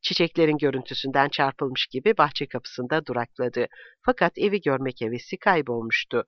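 A man reading a novel aloud as narrator in a steady, measured way. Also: medium pitch, dry recording. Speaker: audiobook reader. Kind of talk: scripted narration. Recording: dull, dry recording.

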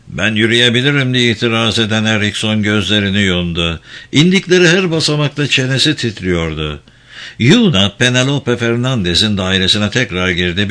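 A man narrating a thriller audiobook in a steady, measured reading voice. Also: mid-range voice. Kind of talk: scripted narration.

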